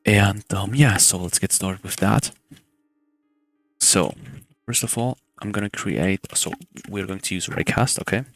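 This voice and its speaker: A young man hosting a casual game development tutorial in a hushed voice, keeping quiet at night. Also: on the low side, measured pace, gravelly, no echo, faint music behind. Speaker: tutorial host.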